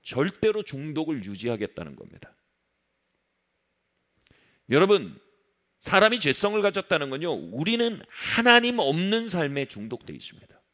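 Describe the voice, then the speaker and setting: In a church sanctuary, a pastor preaches from the pulpit in a fairly high, sing-song voice that leaps up and down, at normal speed with long pauses. He presses his points hard, then drops low and soft for emphasis, and sometimes acts out the voices of the resisting people he describes.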